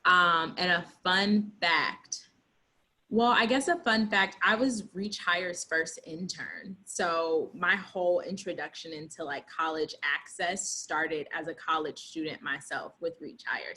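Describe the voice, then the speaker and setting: A woman from South Central Los Angeles introducing herself on a video call, enthusiastic and warm in tone. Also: on the low side, measured pace. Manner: bright, enthusiastic. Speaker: student engagement manager.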